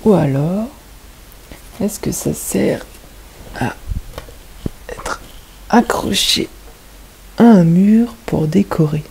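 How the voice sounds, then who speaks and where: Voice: medium pitch, animated, drawn-out words, gravelly, long pauses, darkish tone, slight background noise, poor audio. A kindergarten teacher with a French accent, patiently explaining a lesson to young children and asking them questions step by step.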